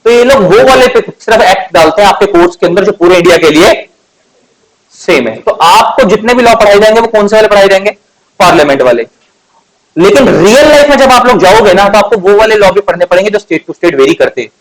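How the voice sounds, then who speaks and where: A man's voice: high-pitched, lively intonation, fairly quick, crowd noise, poor audio. A man, teaching law in a chatty lecture and asking the class questions. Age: 20s. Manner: conversational, asks rhetorical questions, stretches key words.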